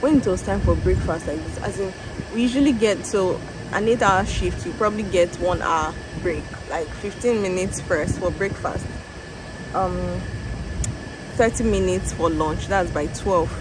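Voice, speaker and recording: A young woman, tired after a factory shift, telling her day in an animated casual vlog into a phone held at arm's length outdoors. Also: fairly low pitch, a little slow. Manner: tired, animated storytelling with laughs and exclamations. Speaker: vlogger. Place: outdoors in a parking lot beside a factory building. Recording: phone outdoors with traffic noise.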